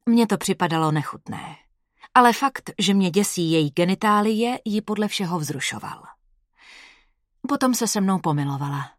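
A woman reading a first-person story aloud in a steady, measured voice. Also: lowish voice, no room sound, studio quality. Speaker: audiobook reader.

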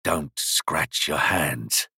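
A man voicing a small, round, stern shop master who speaks quietly, gently but sternly, with calm threats and a dry whisper. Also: very deep voice, extremely slow, gravelly, husky, dry recording, voice pushed down, heavily acted.

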